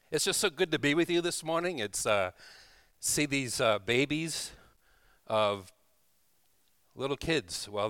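A visiting church leader preaches conversationally to his congregation in a live church setting, reading scripture, leading prayer, and checking in with small tag questions. His medium-pitched voice is a bit bright and smooth, recorded dry at studio quality.

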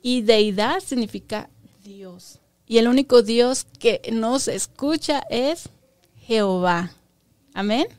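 A woman's voice: fairly high pitch, slow, darkish tone, no echo. A woman teaching a Bible lesson to children, patiently asking them questions and stressing key words by repeating them.

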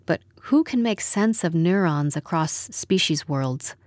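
A woman narrating a literary story in a measured, wry storytelling manner. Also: fairly low pitch, expressive, a little mellow, no room sound, studio quality. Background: music.

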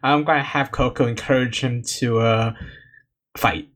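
A man's voice: mid-range voice, steady tone, measured pace, fairly bright tone. A man takes his turn in a tabletop game. He talks hesitantly, with plenty of stalls and repeated words. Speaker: player. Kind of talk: casual tabletop game chat.

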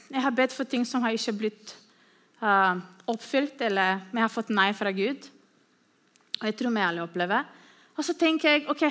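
A woman preaching a sermon in a somewhat high voice. She tells her stories earnestly and stops now and then on hesitant fillers as she searches for words. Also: fairly bright tone. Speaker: speaker.

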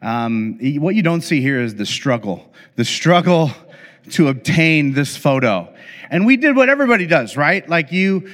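A man's voice: a little high, very animated, normal speed, a bit bright. A middle-aged man, a pastor, telling a funny family story in a sermon, talking casually with many fillers and restarts. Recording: long hall reverb.

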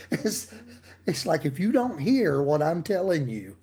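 A man's voice: on the high side, big pitch swings, slow, warm tone, husky. A middle-aged man preaching a casual daily devotional in a folksy, emphatic way, with laughs and asides to his listeners. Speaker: pastor giving a daily devotional.

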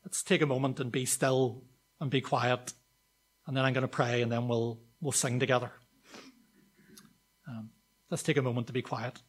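A man preaching a sermon, telling a story to his congregation in an earnest way and slowing down on key words. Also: medium pitch, level tone, slightly rough. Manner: storytelling, slows down for emphasis; earnest, addresses the congregation directly. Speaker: pastor.

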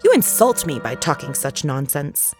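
A woman's voice: deep voice, sing-song, normal speed, soft background music. A woman voicing a touchy, severe male mouse who speaks sharply and angrily in a storybook reading. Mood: offended. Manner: sharp, angry.

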